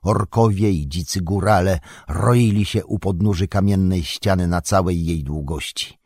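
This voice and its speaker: Low husky male audiobook narrator. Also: darkish tone, no echo, studio quality. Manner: measured, dramatic reading. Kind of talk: scripted narration of a fantasy novel.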